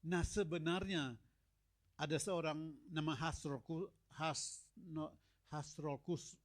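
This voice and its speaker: A man's voice: fairly high pitch, slow. A middle-aged man preaching a sermon as a pastor, telling stories and acting out dialogue with God and Moses. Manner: animated storytelling, acts out God and Moses in dialogue.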